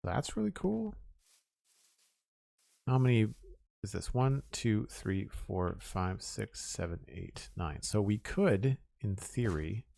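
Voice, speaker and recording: Here the young Nova Scotia streamer sounds low, creaky and warm, very animated yet taking his time, on a dry recording. Speaking with a Maritime Canadian accent, he chats casually while gaming, wandering off topic and counting aloud.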